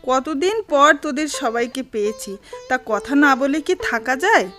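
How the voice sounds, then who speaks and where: A woman's voice: high-pitched, lively intonation, unhurried, a bit bright, soft background music. An actress playing a loving, long-suffering middle-aged mother, emotive and sentimental in the manner of an old radio show. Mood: tender. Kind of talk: radio drama acting.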